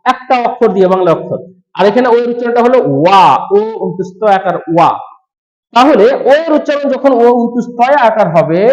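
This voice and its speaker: A man from West Bengal, an English grammar teacher explaining rules to students slowly, step by step, repeating each point. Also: high voice. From West Bengal, India. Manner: slow, repetitive step-by-step explaining. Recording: echoey, dull room sound.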